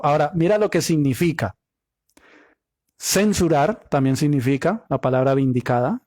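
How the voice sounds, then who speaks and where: A man's voice: on the high side, darkish tone, no echo, clean studio sound. A man teaching a Bible study, reading scripture aloud and explaining the Hebrew meaning of words, often asking rhetorical questions.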